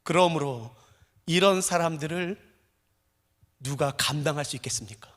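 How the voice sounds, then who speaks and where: High, lively male preacher in a reverberant hall. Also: moderate pace. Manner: animated storytelling preacher, swings from hushed to loud. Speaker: pastor. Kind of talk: sermon. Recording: long reverb of a large church hall.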